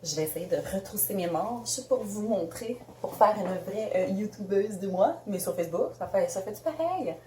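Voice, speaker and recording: A chatty Québécoise woman unboxing beauty products, her voice swinging up and down with lively excitement. She talks in a loose, giggly way. The room is echoey, with a faint hum of ambience behind her. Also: medium pitch, moderate pace, hardly any pauses. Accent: Québécois French. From Canada. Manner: bubbly, chatty, laughs often. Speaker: beauty vlogger. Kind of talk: casual unboxing chat.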